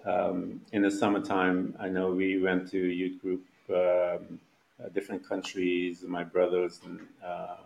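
Very deep, gravelly motivational host. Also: male voice, monotone, unhurried, darkish tone, dull audio. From Guyana. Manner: encouraging, motivational. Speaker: podcast host. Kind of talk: podcast interview.

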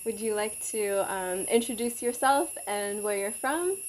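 A woman's voice: medium pitch, unhurried, a little hiss or hum, poor audio. A woman hosting an interview outdoors in a forest, asking friendly, short questions. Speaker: interviewer, host. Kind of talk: casual interview.

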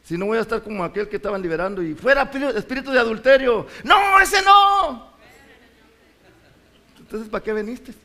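Middle-aged male pastor, high-pitched, impassioned sermon delivery. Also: steady tone, rapid-fire. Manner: impassioned, rises to shouts and drops low.

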